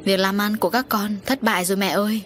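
A woman's voice: medium pitch, steady tone, fast talker, a bit bright, slight background noise, close to an everyday voice. A woman narrator voicing a frightened, despairing middle-aged male shrimp farmer in her own voice. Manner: groaning, despairing.

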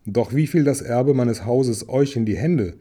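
A man reading aloud and voicing a proud, furious male dwarf king who shouts with contempt. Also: mid-range voice, unhurried, slightly rough. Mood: angry.

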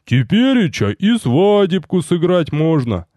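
Guy reading a loud folksy warrior servant, yelling high and lively, dry close sound. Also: measured pace, no echo. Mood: jubilant. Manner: bellowing, folksy, jubilant. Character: loud, excited, stocky male warrior servant.

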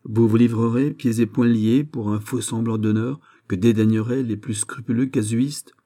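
A man's voice: medium pitch, fairly even intonation, moderate pace, mellow, voice pushed up, lightly acted. A man voicing a scheming nobleman in a novel reading, pressing with insistent questions.

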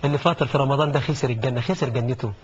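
A man preaching a colloquial sermon with an Egyptian accent, dramatic, dropping to a hush and then building to loud exclamations. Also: medium pitch, racing. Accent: Egyptian Arabic. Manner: dramatic, swings from hushed to rising exclamations. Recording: dull lo-fi recording with faint noise.

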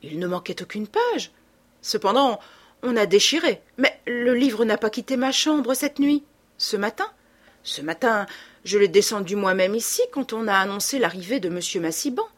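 A woman's voice: mid-range voice, expressive, normal speed, lightly acted. A woman voicing a sorrowful, resigned young noblewoman in a storybook reading, hesitant and flustered in her answers.

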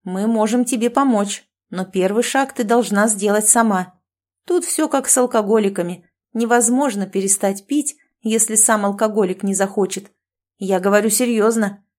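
A woman's voice: mid-range voice, normal speed, darkish tone, lightly acted. Woman voicing Nonna, a bossy scolding friend. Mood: angry. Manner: lecturing, commanding, sarcastic. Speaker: language teacher.

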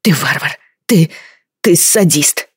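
A man's voice: a little high, lively intonation, slow, breathy edge, dry recording, studio quality, exaggerated voice. A man voicing a defiant, proud young woman.

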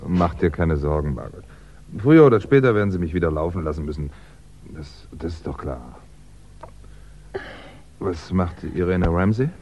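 In a 1960s radio play, an actor with a very deep, slightly mellow, expressive voice plays both narrator and lead, a composed and wry crime writer. He relates events in a measured, conversational manner, adding small hesitant asides, with a subdued, resigned mood. The recording sounds dull and limited in range.

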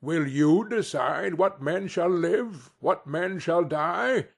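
A man voicing a solemn male spirit who speaks slowly and reprovingly. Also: medium pitch, lively intonation. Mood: stern. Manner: slow, grave and reproving. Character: solemn male Christmas spirit, stern and grave.

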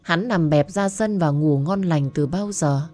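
A woman narrating a dramatic family story in an even, scripted storytelling manner. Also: deep voice, measured pace. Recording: dry close voice over faint music.

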